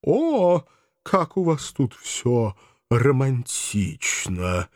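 A man voicing a gentle, half-deaf elf who answers mildly and off the point. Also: fairly high pitch, very animated, slow pace, no echo, clean studio sound, voice pushed up. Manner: mild, off-topic replies. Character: gentle half-deaf male elf, mild and absent-minded. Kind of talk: audiobook character voice.

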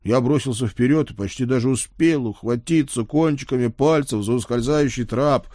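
A man reading a first-person audiobook, with a wry, lively storytelling manner. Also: medium pitch, moderate pace, dry recording, clean studio sound. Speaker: audiobook narrator.

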